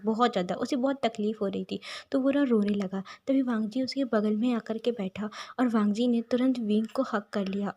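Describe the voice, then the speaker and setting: Casting: female storyteller, casual and chatty, slightly high pitch. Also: a little mellow. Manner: conversational, repetitive, filler 'ना'. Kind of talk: casual fan-fiction storytelling.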